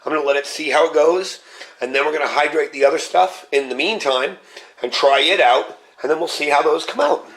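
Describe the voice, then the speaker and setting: Talking a little fast in a slightly high voice, this man hosts a relaxed cooking vlog on his channel. His voice is a bit scratchy as he gets over a cold, and he walks through each step while handling the equipment.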